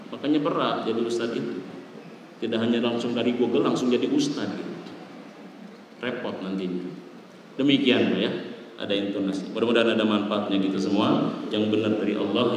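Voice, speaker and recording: Animated preacher man in an echoey hall. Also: lowish voice. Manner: lively, animated, acts out questions and answers in quick voices. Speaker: Islamic preacher. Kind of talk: mosque talk. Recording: echoey hall, distant mic, faint room noise.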